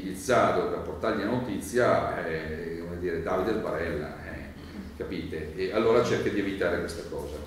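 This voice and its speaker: A man, a priest, teaching a Bible lesson and commenting on the text in a conversational, digressive way, with many "eh" fillers and questions to his listeners. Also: deep voice. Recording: very echoey room, mic far off, light noise.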